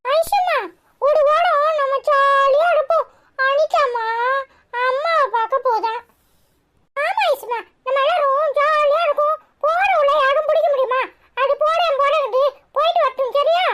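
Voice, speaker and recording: A woman's voice: measured pace, a bit bright, a little hiss or hum. Woman as small cartoon boy: Tirunelveli accent, piping voice, chatty, cheeky, caring. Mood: playful. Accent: Tirunelveli Tamil. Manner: chirpy, high-pitched childish chatter.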